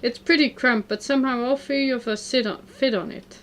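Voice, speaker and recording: A woman's voice: high voice, fairly even intonation, normal speed, fairly bright tone. A woman reading the part of an awkward, reflective teenage boy narrating a visual novel.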